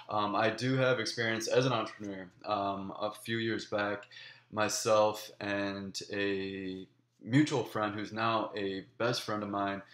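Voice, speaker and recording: A man's voice: lowish voice, a bit bright, roomy sound. Earnest young man with many ums. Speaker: graduate student applicant. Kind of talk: video application pitch.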